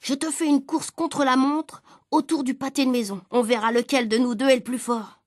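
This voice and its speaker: A woman's voice: sits high, steady tone, moderate pace, no room sound, studio quality, natural voice. A woman voicing a portly, pompous neighbor who loves to mock and boast.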